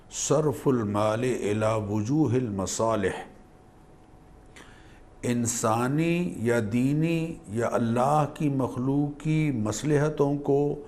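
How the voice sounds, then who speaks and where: A religious scholar appears as a guest on TV, explaining scripture in a measured, learned manner. His voice is medium in pitch and a little mellow, and he weaves Arabic quotations into his explanation.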